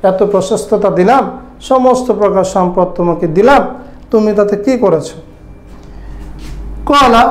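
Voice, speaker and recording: A man's voice: sits high, reverberant. A man teaching Arabic grammar in an online lesson. He explains step by step and keeps asking his students whether they follow. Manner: explains step by step, often checks "right? clear?".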